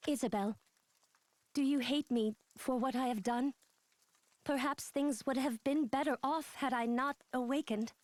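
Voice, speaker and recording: A woman's voice: high-pitched, a little slow, darkish tone, dry recording. A woman voicing a guilt-ridden young female android in a video game, with a formal, robotic delivery. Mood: troubled. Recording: game audio with music behind. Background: game background music.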